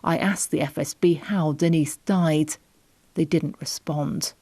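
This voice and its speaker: A woman's voice: low-pitched, steady tone, unhurried, very noisy. A woman narrating a scripted news report as a correspondent.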